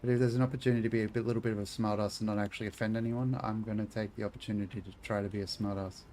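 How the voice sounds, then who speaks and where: A man's voice: lowish voice, little pitch movement, rapid-fire, mellow, a little hiss or hum. Chatty man streaming a game. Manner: chatty, joking, talks to chat. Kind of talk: casual gaming stream chat.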